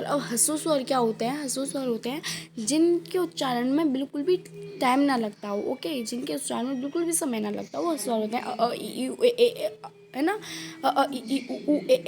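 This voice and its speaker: A woman teaching a grammar lesson, repeating each point, asking the listener questions and mixing in English words. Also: sits high.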